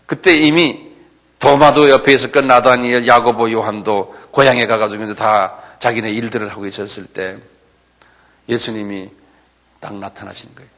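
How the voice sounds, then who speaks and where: A middle-aged male pastor preaching a sermon, acting out quoted lines with shouts and often asking the congregation "예?". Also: mid-range voice, fairly even intonation, moderate pace. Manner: acts out quoted voices, shouting and pleading; asks the audience "예?" often.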